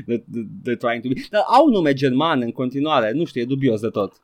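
A man's voice: medium pitch, animated. A man co-hosting a podcast, chatting casually about a video game, laughing often and dropping English phrases into his talk. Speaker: podcast co-host.

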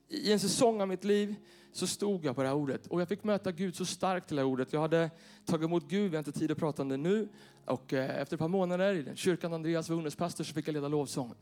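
A man preaching a passionate sermon in a church, swinging from loud calls to the crowd down to hushed scripture reading. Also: fairly high pitch. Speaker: pastor. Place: church hall.

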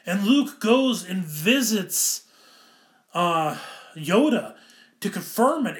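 A man's voice: sits high, a bit bright, reverberant. A man giving casual, enthusiastic film commentary, rambling and often correcting himself mid-sentence. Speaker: film reviewer.

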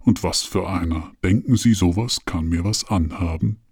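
Man voicing a fat villain in an audio drama, very deep, dark and husky, smug, mockingly polite. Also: normal speed, slight background noise. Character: fat smug male villain in a tailcoat with a cigar.

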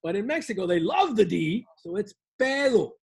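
A man's voice: high voice, big pitch swings, brisk, gravelly, a little mellow, husky. A man with a Cuban accent co-hosting a comedic radio show, joking and acting out Spanish phrases. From Cuba. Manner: joking, playful, acts out quoted phrases.

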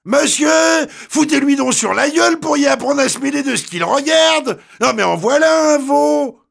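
A man putting on a brash young working-class woman who yells coarse insults in a very high, hoarse voice, pitched far above his own. She is quick-tempered and loud. Her voice bounces up and down in a lively way. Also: full character voice. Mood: indignant. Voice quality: hoarse, coarse street speech. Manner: shouting insults.

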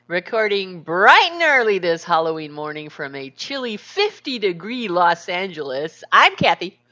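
Female podcast co-host, middle-aged, gravelly and groggy, casual delivery, close dry sound. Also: on the low side, very animated, normal speed, sharp tone, no room sound, highs cut off. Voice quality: gravelly morning voice. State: groggy, just woke up.

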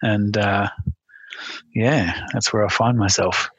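Male podcast guest, husky low voice, dry sound, hesitant and thoughtful. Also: fairly even intonation, takes it slowly, a bit bright, no room sound, muffled recording. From Melbourne, Australia. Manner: thoughtful, hesitant with many fillers. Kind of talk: casual interview chat.

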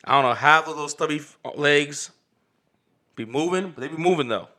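Bright, animated fantasy football co-host man. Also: fairly high pitch, a little fast. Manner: animated, emphatic, jokey. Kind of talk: casual sports chat.

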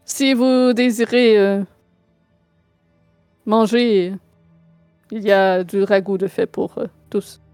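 A worried but hospitable man, played by a woman in a tabletop game. The speech is polite and hesitant, slow, with a dry sound. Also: mid-range voice, steady tone, a little mellow, clean tone, no room sound, faint music behind. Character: worried, hospitable innkeeper-like man outside a hut.

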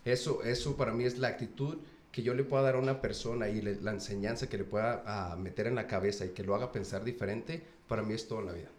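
Halting man in an echoey room. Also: lowish voice. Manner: halting, many fillers and restarts, switches between two languages. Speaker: podcast guest, mentor who builds leaders. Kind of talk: podcast discussion. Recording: echoey room, faint noise.

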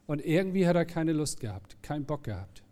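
A man's voice: fairly high pitch, very animated, a little fast, mellow. A man preaching a conversational sermon, explaining plainly with everyday stories. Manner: casual, anecdotal, explains plainly with everyday examples.

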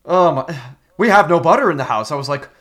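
A man's voice: fairly high pitch, expressive, fairly quick, fairly bright tone. Tired man chatting in a small room. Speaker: podcast co-host. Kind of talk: casual chat about games and daily life. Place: spare room, echoey small room. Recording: echoey small spare room.

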